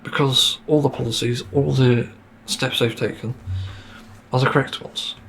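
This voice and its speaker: A man's voice: medium pitch, steady tone, moderate pace, gravelly, fairly bright tone, a little hiss or hum. A man hosting a solo podcast, venting in frustration with sighs, swearing and fillers, his throat getting sore. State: sore throat, mint in mouth. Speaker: podcast host.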